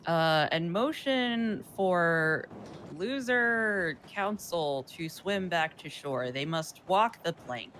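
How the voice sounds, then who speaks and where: A man pleading as counsel in a game role-play, his delivery slow and halting. His voice sits a little high, with faint noise underneath. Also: lively intonation, a bit bright. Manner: hesitant, halting.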